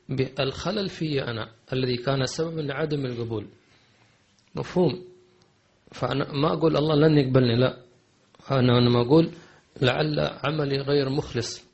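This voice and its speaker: A man teaching a religious lesson, answering questions with measured advice, pausing on hesitant fillers and restarts. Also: mid-range voice, creaky. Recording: dull lo-fi recording.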